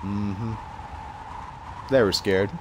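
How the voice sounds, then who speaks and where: Casual male gamer, American accent, unhurried and slightly low-pitched, muttering slangy thoughts as he plays. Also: steady tone, noisy background. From United States. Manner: slangy, thinks aloud in short remarks. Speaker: gamer recording gameplay commentary. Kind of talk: casual gameplay commentary.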